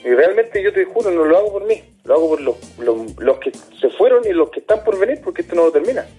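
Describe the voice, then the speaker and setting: Earnest man, husky mellow voice. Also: high-pitched, big pitch swings, faint music behind. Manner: earnest, halting, repeats words. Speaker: dismissed youth care worker, interviewee. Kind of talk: radio interview answers.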